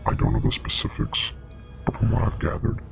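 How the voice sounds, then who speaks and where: With music playing behind him, a man voices a grave, knowing investigator and parasite expert in a scripted web horror drama. His breathy, gravelly voice stays close to an everyday register as he explains things in a measured, clinical, ominous way.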